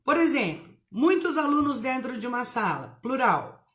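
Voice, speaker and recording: Lady teacher, bit high voice, emphatic, asks herself questions then answers. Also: very animated, moderate pace. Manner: emphatic, spells out words and asks rhetorical questions. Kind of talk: live online writing lesson.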